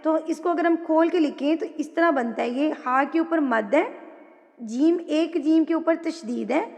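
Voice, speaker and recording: Woman, high voice, patient recitation teacher; slow drawn-out reading; reverberant room. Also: creaky. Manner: patient step-by-step explaining. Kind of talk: online tajweed lesson.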